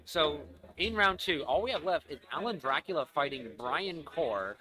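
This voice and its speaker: A young man commentates live robot battles with a bright, forceful tone and a lively pitch that leaps when a robot gets knocked out. His voice is wearing thin from a long day of talking. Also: normal speed. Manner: excitable, shouts at knockouts. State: losing his voice.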